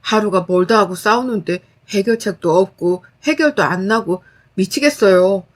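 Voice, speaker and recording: A woman narrating a dramatized personal story in a firm, calm voice. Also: mid-range voice, normal speed.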